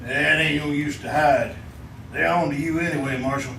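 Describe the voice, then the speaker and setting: Crusty high-voiced frontier Doc, echoey radio. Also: male voice, fairly even intonation, normal speed, vocal fry, pushed and bright. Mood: needling. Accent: American. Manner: sardonic, needling. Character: crusty, sardonic frontier town doctor. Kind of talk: old-time radio western acting. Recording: echoey, distant, noisy old radio recording.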